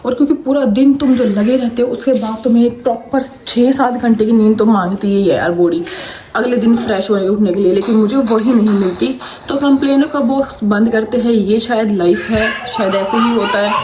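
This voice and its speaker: A young woman, a mother, vlogging casually around her home, chatting and venting, and slipping into high sing-song baby talk with her daughter. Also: fairly even intonation, brisk, dark tone. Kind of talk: casual daily vlog.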